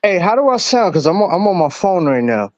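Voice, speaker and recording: A man's voice: high-pitched, very animated, a little fast, a little mellow, no room sound. Brash man calling in by phone. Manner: brash, slangy trash talk with frequent laughter. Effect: heard over a phone call. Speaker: caller on a livestream. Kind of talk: casual chat. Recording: dull, lo-fi phone audio.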